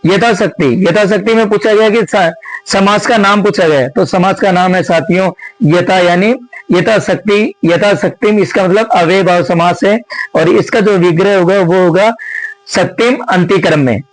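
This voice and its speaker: A man's voice: high voice, dry recording, low-quality recording. A man teaching Sanskrit, going through exam answers step by step and often asking a question, then answering it himself. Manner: explains step by step, often asks and answers his own questions; addresses viewers as friends. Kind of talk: exam answer-key lesson.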